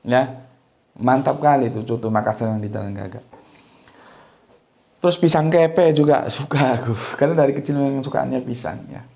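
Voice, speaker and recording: This religious teacher from Sumatra, Indonesia, has a mid-range, darkish male voice. His lecture is informal and chatty, full of restarts and frequent little "ya" tags at the ends of sentences.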